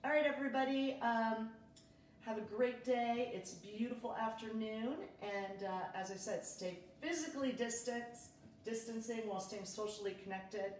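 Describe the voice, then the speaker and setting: A woman in her thirties, a realtor, chats casually on a livestream from her home kitchen and greets viewers by name. Her voice is a little high, with fairly even intonation and normal speed. She's off-mic and far away in an echoey room, with slight background noise.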